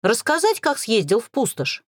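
Audiobook: eager chatty teen boy, raised and lively voice, woman narrator doing him, dry close read. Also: a little high, normal speed, breathy edge, no echo, heavily acted.

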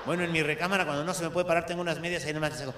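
Crude, profane Mexican comedian, high voice. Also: male voice, steady tone, racing, reverberant, heavy background noise. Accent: Mexican Spanish. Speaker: stand-up comedian telling jokes. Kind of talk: raunchy stand-up joke telling.

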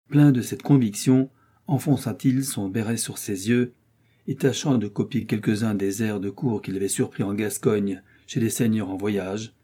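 Husky-voiced male audiobook narrator. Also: on the low side, dark tone. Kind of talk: classic novel audiobook narration.

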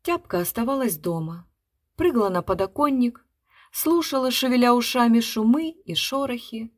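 A woman narrating a literary short story in an expressive storytelling manner. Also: fairly high pitch, moderate pace. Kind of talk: literary reading.

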